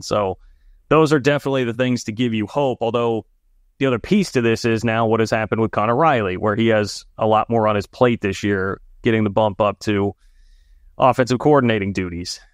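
A chatty, jokey man co-hosting a sports talk show. His voice is fairly low. It is recorded dry and close. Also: dry recording. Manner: chatty, jokey, talks fast. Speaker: sports podcast co-host. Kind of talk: casual sports analysis talk.

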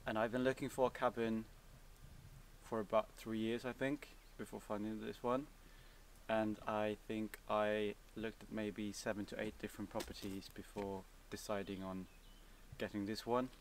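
Young Swedish-accented man, casual and halting, level low delivery, recorded outdoors from a few feet away. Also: far from the mic, slight background noise. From Sweden. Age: young adult. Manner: relaxed, hesitant, many fillers and restarts. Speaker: vlogger. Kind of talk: casual Q&A answers. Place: outdoors, seated on a cabin bench by woods.

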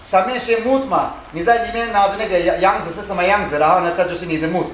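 A man with a Thracian Turkish accent hosting a casual vlog, excited and chatty, laughing often. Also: high-pitched, normal speed, roomy sound, slight background noise. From Turkey. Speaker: vlog host.

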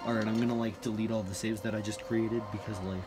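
A man's voice: lowish voice, level tone, fast talker, over loud music. A young man joking wryly with friends during a basement hangout. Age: young adult. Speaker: friend in vlog. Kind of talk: casual chat. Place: cluttered home basement.

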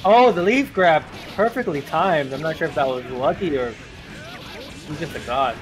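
A man giving excitable, joking color commentary during a live fighting game stream. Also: fairly high pitch, normal speed.

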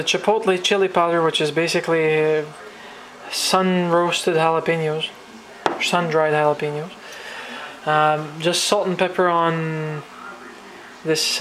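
Here a man from New Brunswick, Canada, chats loosely while cooking at home for a vlog, his speech loaded with fillers and restarts. His voice sits on the high side, and the handheld-camera recording is rough.

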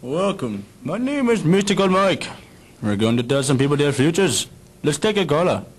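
A man playing a smooth-talking, showy radio psychic who hosts a call-in show, with a low, drawn-out host delivery. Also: big pitch swings, slight background noise.

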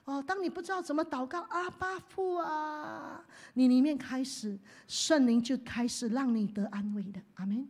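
Woman pastor, high voice, sermon that swings from hushed to loud. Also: brisk, few pauses. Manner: leads the congregation in call-and-response, swings from hushed to loud.

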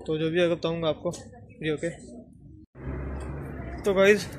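A man's voice: fairly high pitch, a little hiss or hum. A young man from Haryana chatting casually in a daily vlog, giving running commentary to a handheld phone camera. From Haryana, India. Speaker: vlogger. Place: kitchen, then outdoors on streets. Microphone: phone at arm's length.

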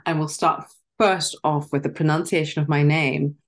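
A middle-aged woman from Zimbabwe, an actress and guest, chatting on a video call from a dim room at home. She speaks articulately and reflectively, with soft laughs and filler ums. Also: low-pitched, fairly even intonation, normal speed. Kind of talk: casual interview chat.

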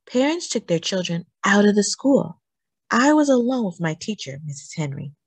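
This woman reads a children's book in an expressive, storytelling manner, phrasing carefully and stressing words with intent. Her voice is mid-range and husky, and no room sound can be heard.

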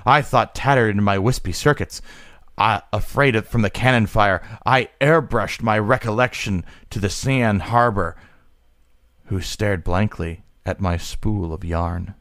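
Low-voiced man slowly reading a story. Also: a bit bright, dry recording, clean studio sound. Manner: slow, measured reading with occasional stumbles. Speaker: podcast co-host reading a story aloud. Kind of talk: deliberate read-aloud of a short story.

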